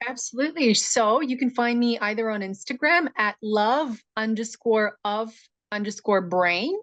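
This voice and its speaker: A woman born in Russia and raised in Montreal, talking as a neuroscientist guest in a casual podcast interview, animated and quick to laugh. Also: fairly high pitch, no echo. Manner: animated, laughs often, chatty with fillers.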